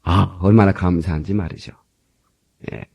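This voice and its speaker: A man's voice: low voice, fairly even intonation, normal speed, vocal fry, muffled recording. A male pastor preaching a chatty, joking sermon, recorded in church on an old cassette tape. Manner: chatty, joking preacher who breaks into dialect recitations.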